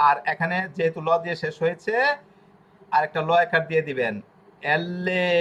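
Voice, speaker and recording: A man runs an online language lesson, his voice sitting a little high. He explains patiently and says each letter sound over and over. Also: a bit bright. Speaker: language teacher.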